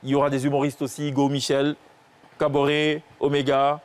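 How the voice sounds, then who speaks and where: A man hosting a studio TV show, his voice sitting a little high for a man. He talks in an animated, upbeat way and reels off long lists of names. He sounds like a seasoned presenter. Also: moderate pace. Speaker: TV talk show host. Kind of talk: lively studio chat.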